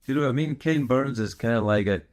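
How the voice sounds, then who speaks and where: A man with a light Scottish accent, softened by years in America, answering viewer questions in a rambling, digressive chat full of fillers and restarts. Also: medium pitch, fast talker. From Scotland. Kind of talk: casual chat.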